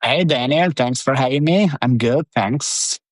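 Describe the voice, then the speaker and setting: A man in his thirties from Italy, speaking with an Italian accent, chats as a guest on a podcast in a casual interview. His mid-range voice is unhurried and free of echo, and his talk is loose and rambling with plenty of fillers.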